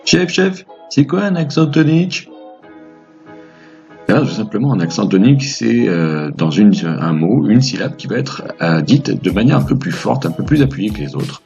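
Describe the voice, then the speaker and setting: A man's voice: fairly low pitch, lively intonation, normal speed, gravelly, few pauses, mellow, lo-fi sound, soft background music. A man hosting a language lesson, explaining grammar to viewers in an upbeat, patient way with playful asides. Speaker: language teacher, host.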